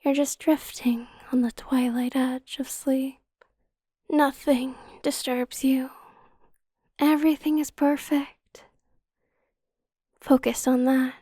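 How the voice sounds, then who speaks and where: A woman guiding a hypnotic induction in a slow, soothing hypnotist manner, with a soft, breathy, half-whispered ASMR delivery. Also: high-pitched, flat delivery, dry recording, studio quality. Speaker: hypnotist guide.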